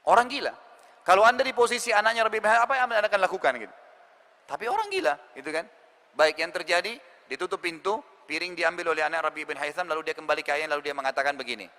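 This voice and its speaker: A man tells a story from the pulpit to his congregation, leaning hard on key words and turning to ask them questions. His voice sits a little high and rings bright and forceful. The sound carries a long hall reverb. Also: very fast. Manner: lively, emphatic storyteller who asks listeners questions. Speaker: preacher.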